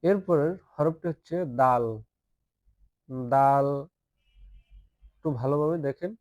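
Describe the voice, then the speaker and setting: Male Arabic alphabet teacher, slow repetitive lesson delivery. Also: fairly high pitch, a little mellow, muffled recording. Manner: patient, repeats each letter several times, asks listeners to say it along.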